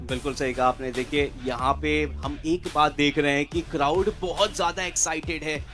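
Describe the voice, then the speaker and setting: A man with a fairly high voice co-casts an esports grand final at a live arena. His talk is excited and he stacks up the drama, with faint music running behind. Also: moderate pace. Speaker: esports co-caster.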